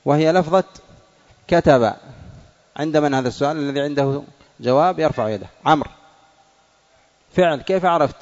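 A man's voice: on the high side, brisk, pauses often, a little mellow, big-room sound, muffled recording. A male teacher giving a classroom grammar lesson, quizzing pupils and repeating their answers.

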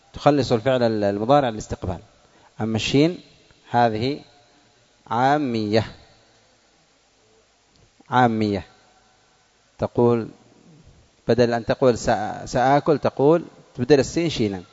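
A man's voice: mid-range voice, darkish tone, in a large hall, dull audio. A male teacher giving a classroom grammar lesson, quizzing pupils and repeating their answers.

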